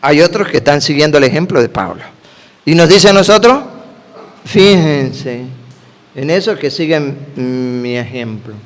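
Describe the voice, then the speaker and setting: Male preacher, high voice with big pitch swings, questioning the crowd, reverberant hall. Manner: animated, quizzes listeners with quick questions.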